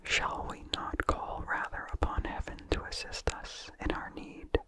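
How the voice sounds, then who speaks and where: In a breathy whisper with no voicing at all, a storyteller reads a vintage horror tale aloud for ASMR. Each phrase comes slowly and deliberately. The mic sits close, catching stray mouth sounds.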